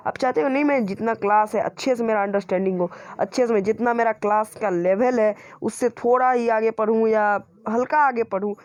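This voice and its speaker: A man's voice: high voice, fairly quick, few pauses, no echo. A man hosting a channel, casually recommending school books and repeating and qualifying his points, with frequent hesitations. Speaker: YouTube channel host reviewing school books. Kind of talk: casual spoken book recommendation.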